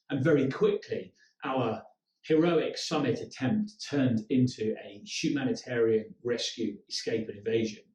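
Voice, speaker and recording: A man's voice: medium pitch, a little mellow, far from the mic. A man presenting a leadership training talk in a direct, instructive way. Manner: direct, instructive, with acted-out quotes. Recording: echoey room, mic some way off.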